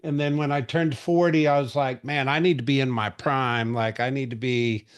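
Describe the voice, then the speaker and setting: Smooth and mid-range, this man's voice holds a steady tone at normal speed. In his forties, he hosts a relaxed real estate market update call, rambling along with plenty of fillers and false starts.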